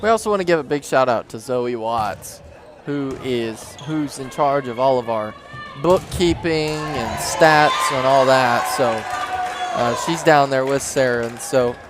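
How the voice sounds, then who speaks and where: A man's voice: medium pitch, moderate pace, a crowd in the background, background noise. A young man doing casual, joking commentary on a livestream from a school gym. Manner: joking, laid-back and chatty.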